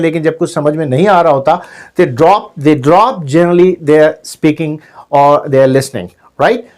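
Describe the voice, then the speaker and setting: A man from Pakistan with a Pakistani accent teaching English pronunciation, spelling words out slowly and repeating them, with quicker explanations in between. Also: fairly high pitch, darkish tone. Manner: slow deliberate spelling-out of words, then fast asides. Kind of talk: language lesson mixing Urdu and English.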